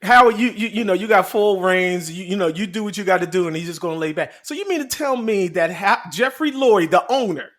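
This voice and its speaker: A man's voice: sits high, animated, brisk, few pauses, fairly bright tone. A man co-hosting a sports podcast, arguing animatedly and repeating himself as he talks over the others. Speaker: podcast co-host. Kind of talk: casual sports debate.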